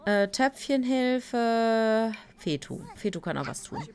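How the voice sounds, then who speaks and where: A tired woman streaming a life-sim game, chatting casually and greeting viewers by name with playful asides. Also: fairly high pitch. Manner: slow, relaxed talk with playful asides. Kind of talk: casual live-stream commentary.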